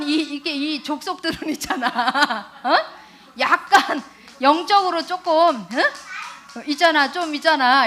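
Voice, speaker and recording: A woman giving a sermon to young children, telling a lively personal story, prompting them to repeat after her and laughing along the way. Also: very high-pitched. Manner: animated storytelling with many tag questions to the children; laughs while telling stories. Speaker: children's worship preacher. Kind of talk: children's sermon with call-and-response.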